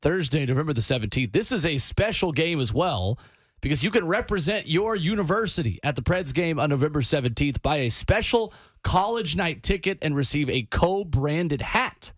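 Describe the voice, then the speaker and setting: A male radio host delivers a contest promo in a fairly high voice. The sound is dry and close, as in a studio. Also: lively intonation, normal speed, no room sound.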